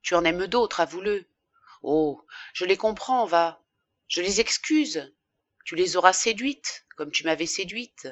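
A woman's voice: lowish voice, expressive, measured pace, dry recording, lo-fi sound. A woman voicing a desperate young wife pleading with her former lover, in a dry audiobook reading. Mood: coaxing. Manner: pleading, rising and forceful when upset. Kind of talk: audiobook character voice.

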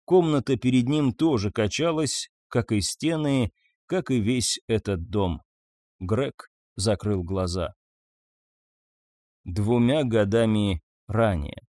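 A man reading a novel aloud in a measured, expressive way. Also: on the low side, dry recording, studio quality. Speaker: audiobook narrator. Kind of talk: scripted narration of a novel.

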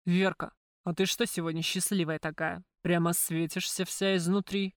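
A woman's voice: lowish voice, level tone, moderate pace, dry recording, studio quality, natural voice. A woman reading the part of a jealous, threatening male crime boss with a coarse, suspicious manner.

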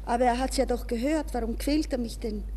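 In a reverberant, hissy 1960s radio recording, a fairly high, dark female voice speaks fairly quickly, lightly acted, conveying inner anguish. The actress portrays an anxious, proud young woman pleading nervously in 1960s radio-drama style. She sounds breathless and nervous, moving between polite words and inner thoughts.

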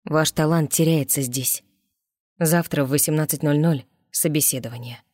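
A mysterious, self-assured man in a spoken story, voiced by a woman narrator speaks in a low, smooth tone and draws out his words with quiet teasing confidence. The sound is close and dry. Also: normal speed, no room sound.

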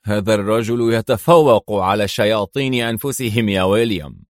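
A man voicing a bald, scheming crime boss who speaks slowly and mockingly. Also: lowish voice, dry recording, studio quality, close to an everyday voice. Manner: slow, deliberate, mocking.

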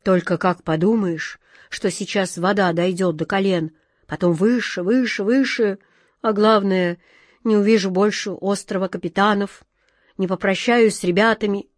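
A woman's voice: mid-range voice, steady tone, measured pace, dry recording, clean studio sound, close to an everyday voice. A woman voicing a gloomy, resigned male first mate in a storybook reading, sighing and lamenting.

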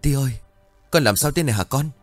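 A man's voice: mid-range voice, expressive, quick pace, soft background music, voice pushed up, close to an everyday voice. A male storyteller voicing a young father who calls out desperately in a horror audio story. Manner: shouting, desperate.

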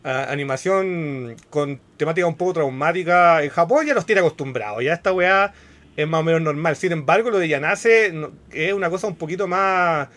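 Chilean male podcast host, thirties, slightly high voice, chatty and slangy. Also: moderate pace, fairly bright tone. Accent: Chilean Spanish. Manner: chatty, slangy, explains at length. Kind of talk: casual podcast chat.

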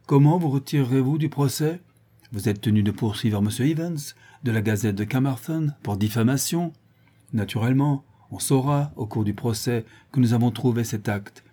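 A man's voice: medium pitch, moderate pace, warm tone, slightly rough, natural voice. A man reading a French audiobook, voicing a relentless middle-aged country lawyer in hammering cross-examination. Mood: stern.

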